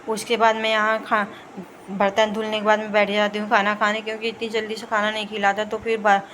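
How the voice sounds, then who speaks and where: A young woman talks the viewer through her household routine in a chatty, casual voice-over. Her pitch sits in an ordinary middle range but barely moves, giving an even, level delivery. A faint layer of household noise sits beneath her voice. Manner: chatty, running commentary on home routine. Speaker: vlogger. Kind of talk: casual vlog narration. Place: home.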